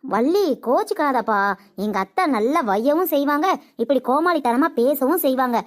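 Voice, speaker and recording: A woman voicing a calm young niece in a comedic cartoon, reasoning and soothing to end a quarrel. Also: high voice, normal speed. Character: calm young niece trying to keep peace.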